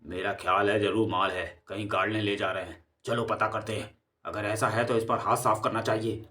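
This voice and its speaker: A man voicing a gruff, greedy thug muttering plans in a low, conspiratorial way in a storybook audio drama. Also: little pitch movement, normal speed, pushed and bright, recorded from a distance. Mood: scheming. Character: gruff greedy male thug gang member.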